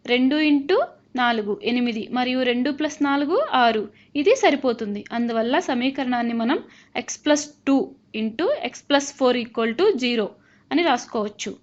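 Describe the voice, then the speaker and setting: A woman's voice: fairly high pitch, normal speed. A woman talks through a math lesson over a screen recording. She is patient and keeps asking whether the learner follows. The sound is slightly dull and lo-fi. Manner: patient, asks learners to check along. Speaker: math teacher.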